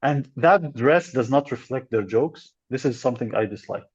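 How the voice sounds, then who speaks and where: Young male podcast co-host, rambling and halting; dry, dull lo-fi recording. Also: mid-range voice, slightly rough, dry recording. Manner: halting, rambling, laughs often. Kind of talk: casual comedy podcast chat.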